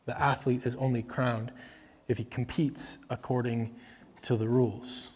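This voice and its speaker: In a large-sounding space, a man of medium pitch preaches an informal sermon, unhurried and fairly flat in intonation, his voice a little mellow and slightly rough. He leans on frequent fillers and gives voices to the people in the scripture passages. The mic drops out at times.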